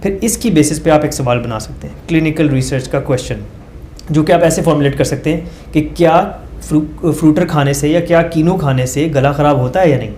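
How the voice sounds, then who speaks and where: A male doctor appears as a guest to explain research methods, going through numbered points with everyday examples, hesitant fillers and some English phrases mixed in. His voice is fairly high and dark-toned, and he talks a little fast. There's a little hiss or hum.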